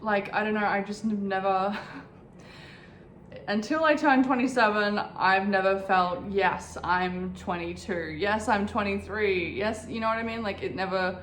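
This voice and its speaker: A woman's voice: medium pitch, a little slow, a bit bright, echoey room, slight background noise. A woman in her twenties talking candidly and reflectively in a casual personal vlog, filmed in her bedroom at home. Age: 20s. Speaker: vlogger.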